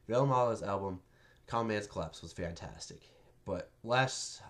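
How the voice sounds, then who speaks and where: A young man with a low, deep voice that sounds stuffed up and nasal from a cold. He talks casually and bluntly, brushing off critics as he reviews an album. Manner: blunt, offhand, defiant.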